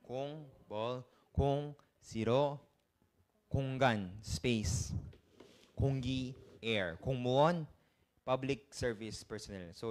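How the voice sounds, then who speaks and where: Guy teaching a class, explains words one by one, keeps checking everyone gets it. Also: mid-range voice. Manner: explains terms in mixed Tagalog and English, asks learners questions. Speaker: Korean language teacher. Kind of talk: casual online language lesson.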